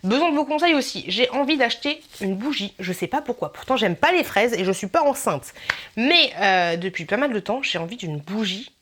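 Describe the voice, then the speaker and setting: A woman's voice: a little high, animated, fairly quick, fairly bright tone, slight background noise. A woman YouTuber talking through her wishlist in a casual vlog, chatty and playful, rambling with filler asides.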